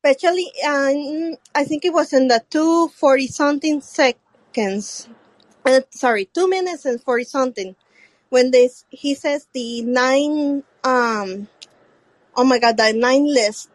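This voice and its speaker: A woman caller with a Puerto Rican accent, a native Spanish speaker talking casually in careful, halting English as she searches for words. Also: high voice, dry recording, low-quality recording. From Puerto Rico. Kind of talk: casual call-in talk.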